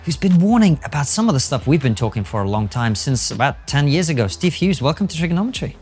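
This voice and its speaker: A man co-hosting an interview podcast, asking questions in a relaxed, conversational way. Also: fairly high pitch, fast talker, husky. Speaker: podcast co-host. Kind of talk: casual interview chat.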